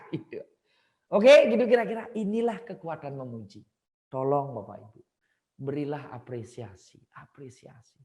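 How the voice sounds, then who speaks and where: Male seminar trainer, animated storytelling, echoey hall. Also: high-pitched. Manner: animated, addresses audience directly, laughs at own jokes. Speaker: seminar speaker. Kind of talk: lively seminar talk with storytelling.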